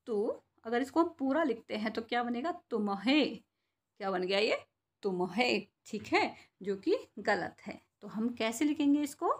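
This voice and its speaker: A young woman with a fairly high voice teaches small children to read, sounding out every syllable slowly. She poses a question, answers it herself, then checks whether everyone has understood. Her delivery is patient and deliberate. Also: expressive. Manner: slow, drawn-out syllables when sounding out words. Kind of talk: Hindi reading and spelling lesson for children.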